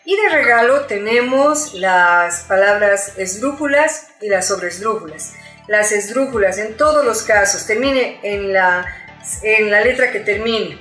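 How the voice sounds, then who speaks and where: A woman's voice: mid-range voice, lively intonation, a little slow, a bit bright. A woman teaching a spoken lesson, explaining patiently step by step with examples and little asides. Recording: roomy echo with faint music.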